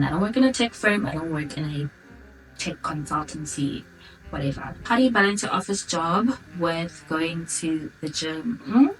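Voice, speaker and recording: A 28-year-old South African woman from Durban chatting informally to her viewers in a casual question-and-answer vlog. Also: fairly low pitch. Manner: chatty, informal, girl-talk address to viewers. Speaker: vlogger. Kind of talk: casual Q&A chat to camera. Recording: distant mic, background music.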